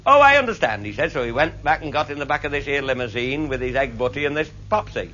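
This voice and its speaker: A man's voice: mid-range voice, fast, over a noisy crowd. A man telling comic stories to a live audience, broad and earthy, swearing freely and voicing the people in his tales. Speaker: raconteur. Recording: muffled old live recording with audience laughter.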